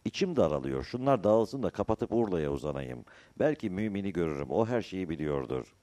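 A man's voice: deep voice, sing-song, a little fast, mellow. A man voicing a troubled, anxious man talking to himself, reading from a novel. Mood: agitated. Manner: muttering to himself, agitated.

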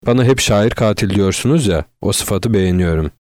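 A man's voice: lowish voice, brisk, a little mellow, no room sound, clean studio sound, lightly acted. A man voicing a cruel, unstable male killer who growls his words with contempt. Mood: menacing.

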